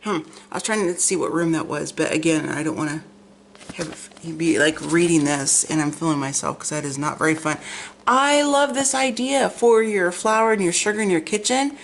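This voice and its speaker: A woman's voice: lowish voice, expressive, normal speed, a little hiss or hum. A middle-aged American woman chatting casually and rambling through a craft vlog, gushing, with slightly imprecise, tongue-forward articulation. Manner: rambling, gushing over pictures. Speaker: craft vlogger. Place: at home, indoors.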